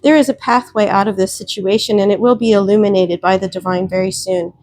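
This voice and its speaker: A woman's voice: medium pitch, fairly even intonation, fairly quick, a little mellow, no room sound. A woman giving a solo tarot reading, speaking emphatically, repeating her warnings and addressing viewers directly. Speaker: tarot reader.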